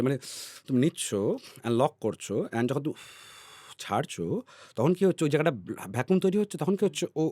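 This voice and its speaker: A man talks through ideas like a patient teacher, often stopping to ask if his listener is following. His voice sits at an average pitch and sounds close and dry, with no room echo. He repeats words and lets them fade away softly. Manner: teacherly, checks in with "all right?" often. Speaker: podcast guest. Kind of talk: explanatory podcast talk.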